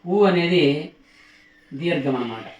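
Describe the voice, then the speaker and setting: A male teacher works through the alphabet at an unhurried pace, saying each letter carefully and repeating it. He keeps stopping to ask his learners questions as he writes. The recording carries a noticeable roomy echo. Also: a little high, highs cut off, a little hiss or hum. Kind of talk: slow alphabet lesson, demonstrating letters while writing.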